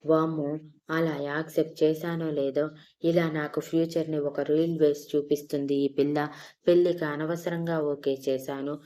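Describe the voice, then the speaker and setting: Lady reading a stubborn young guy, grudging and defensive, low dark voice. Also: level tone, normal speed, lightly acted. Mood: exasperated. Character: young man, stubborn reluctant boss.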